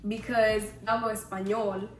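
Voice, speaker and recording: Woman, twenties, mid-pitched voice under the weather, casual slangy vlog chat, echoey room, music underneath. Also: level tone, normal speed. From Houston, Texas, USA. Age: 20s. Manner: informal, slangy, self-deprecating. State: voice affected by a cold. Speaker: vlogger. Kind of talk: casual chatty Q&A to viewers.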